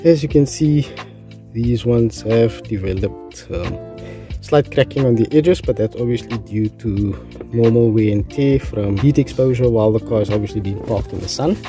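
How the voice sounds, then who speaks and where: A South African-accented man presents a casual, hands-on DIY installation tutorial, speaking informally and calling his viewers "guys." His voice is medium-pitched at a normal speed, with music playing in the background.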